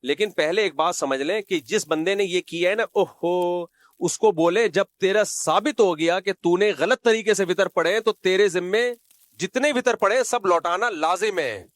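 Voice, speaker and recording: A man's voice: high-pitched, a bit bright, no room sound. A man who is an Islamic scholar giving a religious lecture, scolding and sarcastic, who recites Arabic quotations and mimics the people he criticizes.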